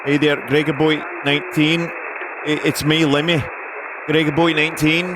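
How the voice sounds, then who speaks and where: A streamer hosting a listening session chats casually with viewers, joking wryly as he reacts to radio recordings, with music playing behind him. His voice is fairly high and flat, at a moderate pace, over a noisy background.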